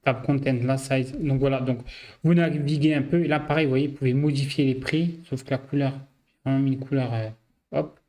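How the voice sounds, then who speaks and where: Man, casual software tutorial host, chatty filler-heavy walkthrough, mid-pitched voice. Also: fairly even intonation, normal speed. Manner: loose, filler-heavy walkthrough with frequent "hop" and "vous voyez". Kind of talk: casual screen-share tutorial.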